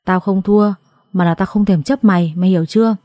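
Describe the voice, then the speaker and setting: A woman voicing an angry, bullying older father-in-law, who scolds in fast barks. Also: mid-range voice, steady tone, dark tone, dry recording, close to an everyday voice. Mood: angry scolding.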